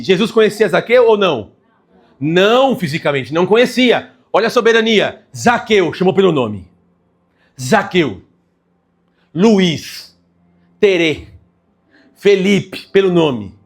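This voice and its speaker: A man with a high voice preaching a Sunday sermon. He leans hard on his phrases, slowing down to stress key words. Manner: emphatic preaching with many slow stressed phrases. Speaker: pastor.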